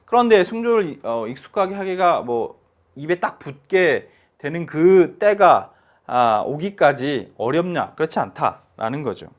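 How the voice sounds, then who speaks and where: A male teacher giving a televised Chinese lesson, slightly high-voiced and very lively in pitch. He explains emphatically and sings out tone demonstrations. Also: moderate pace.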